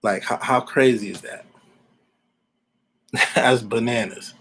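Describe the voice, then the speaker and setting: A man's voice: medium pitch, fairly even intonation, slow pace, a bit bright, slight background noise, poor audio. A man in his forties from Alabama giving casual, rambling opinions as a podcast host, repeating himself and using informal slang. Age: 40s.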